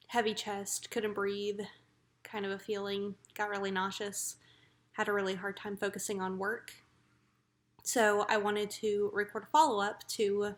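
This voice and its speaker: Casting: woman, casual vlogger, mid-pitched and level in intonation, reflective and plain-spoken. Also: a bit bright. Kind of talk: casual personal vlog.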